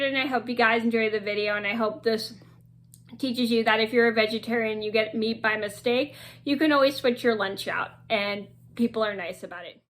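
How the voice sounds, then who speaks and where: A woman's voice: on the high side, a bit bright. A young adult woman telling a school story to her vlog audience in a rambling, casual way, with many restarts and fillers. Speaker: vlogger.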